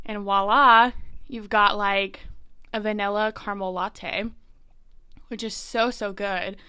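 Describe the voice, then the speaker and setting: A young woman chatting as host of her own podcast, bubbly and excited, her breath still a little short. She talks at an unhurried, drawn-out pace in a mid-range voice. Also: mid-range voice, clean tone. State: slightly out of breath. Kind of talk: casual chat.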